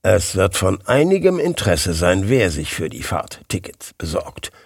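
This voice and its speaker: A man voicing a composed, deliberate male detective in an audiobook. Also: very animated, creaky, breathy edge, no room sound, studio quality, full character voice. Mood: calm. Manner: composed, deliberate, lower-pitched. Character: calm, measured male detective. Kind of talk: audiobook character voice.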